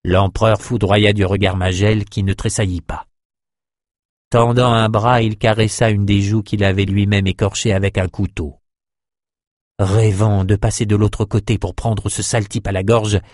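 A man narrating a fantasy novel in a steady, measured audiobook reading. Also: lowish voice, no echo, studio quality.

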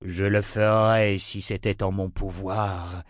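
A man voicing an old male prophet who speaks slowly and gravely, in a fatherly manner. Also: low voice, level tone, no echo, studio quality. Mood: grave, weary.

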